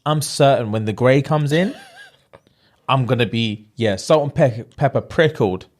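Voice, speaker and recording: Animated young man, casual podcast chat. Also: mid-range voice, measured pace. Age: late 20s. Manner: animated storytelling, slangy and jokey. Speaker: podcast co-host.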